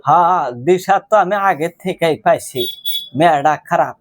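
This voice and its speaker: Posing as a fretful old grandmother from a village, a man makes a prank call, pleading in a rambling, plaintive way about her grandson. His voice is on the high side at normal speed and stays close to his everyday voice.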